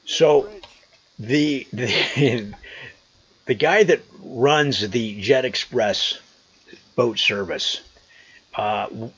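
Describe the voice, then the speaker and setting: A man's voice: medium pitch, very slow, long pauses, a bit bright, husky, muffled recording. An American man chatting casually and telling a story to his vlog viewers in an amused, conversational manner, outdoors. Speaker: vlogger. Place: outdoors on a trail.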